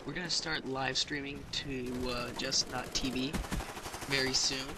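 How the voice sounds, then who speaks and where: A man's voice: medium pitch, steady tone, measured pace, background noise. A man giving casual gameplay commentary, explaining tactics in a hesitant, filler-heavy way. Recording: voice over loud gunfire game audio.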